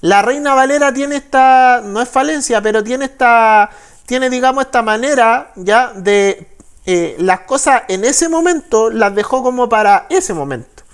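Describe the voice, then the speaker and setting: A man with a Chilean Spanish accent, a pastor teaching the Bible in a sermon. He reads verses slowly and keeps checking with listeners. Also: very high-pitched, lively intonation, smooth. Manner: frequent tag questions, slow deliberate verse reading.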